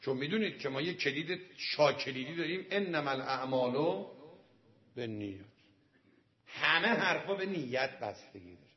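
A male cleric telling a story in a sermon, swinging from quiet asides to loud, emphatic exclamations. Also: fairly high pitch, lively intonation. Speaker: cleric preacher. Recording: dull lo-fi recording.

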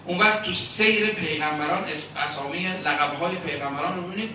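A male cleric delivers a rhetorical sermon, stacking long lists with pauses and reciting verse. His voice is bright and a little high. It carries through a very echoey hall, picked up from a distance, with faint room noise behind. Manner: recites verse and Arabic phrases. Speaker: seminary cleric preaching. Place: religious gathering in a large echoing hall.

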